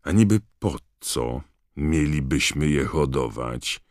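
A man's voice: very deep voice, animated, extremely slow, creaky, dry recording, clean studio sound, heavily acted. A man reading an audiobook and voicing an arrogant teenage schoolboy with a cold, sneering drawl.

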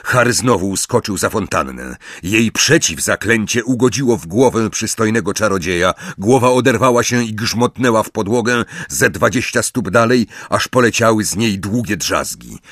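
A man narrating an audiobook in a dramatic, expressive reading. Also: on the low side, moderate pace, few pauses, dry recording, clean studio sound. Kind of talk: scripted narration.

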